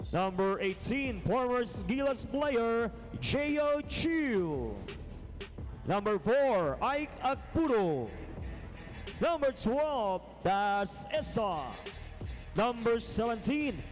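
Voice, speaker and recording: A man calling player introductions in an indoor arena, stretching out the names in a booming way over the public address system. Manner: drawn-out, booming name calls. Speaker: arena announcer.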